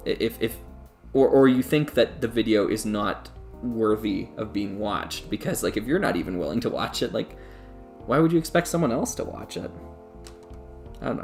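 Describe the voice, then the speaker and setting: Rambling man on a live stream, gravelly. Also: on the low side. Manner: rambling, talks to chat, many restarts and laughs. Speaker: YouTube creator live streaming. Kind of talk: casual live-stream chat.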